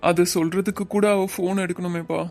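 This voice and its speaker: A heartbroken young male student, voiced by a man in an animated drama. He talks high and flat, weary and pleading. Music runs underneath. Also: a little fast. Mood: troubled. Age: young adult. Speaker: college student. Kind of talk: cartoon voice acting.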